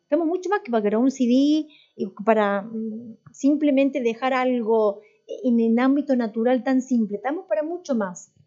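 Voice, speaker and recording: A woman's voice: on the high side, normal speed, mellow. A woman teaching a church class in a conversational way, putting questions to her students and often restarting her sentences. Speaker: worship and voice teacher. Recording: dull lo-fi recording.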